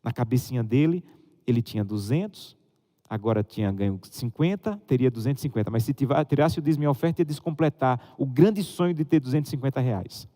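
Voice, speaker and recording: A man's voice: quick pace, long reverb tail. A Brazilian man preaching a sermon, telling stories and acting out the voices of the people in them. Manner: animated storytelling, acting out a child's high excited voice. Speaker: pastor. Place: church hall.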